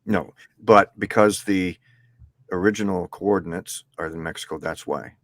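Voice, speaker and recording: A man with a low, gravelly voice hosts a relaxed chat over a video call. He is easygoing and chuckles often as he reads out questions from viewers. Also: moderate pace, dry recording. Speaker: host. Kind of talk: casual video-call interview.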